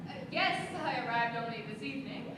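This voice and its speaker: A woman's voice: a little high, brisk, natural voice. A woman on stage playing Aphrodite, a proud, naive, lovelorn goddess who speaks formally and declaims earnestly. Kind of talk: stage play acting. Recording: echoey stage hall, distant mic, noisy.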